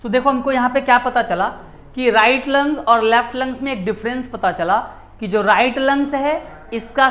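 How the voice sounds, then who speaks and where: A man's voice: very high-pitched, a bit bright. A male teacher giving a classroom lecture in Hindi mixed with English terms, often repeating key words and answering his own questions. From India.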